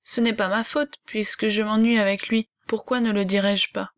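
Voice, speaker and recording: A woman's voice: medium pitch, little pitch movement, normal speed, natural voice. A woman reading the part of a sulky, spoiled young girl in an audiobook, with a whiny, petulant way of talking.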